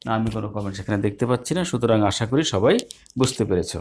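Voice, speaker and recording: A man's voice: fairly low pitch, rapid-fire, a little hiss or hum. A man teaching a math lesson live online, explaining step by step in a patient way with small hesitations.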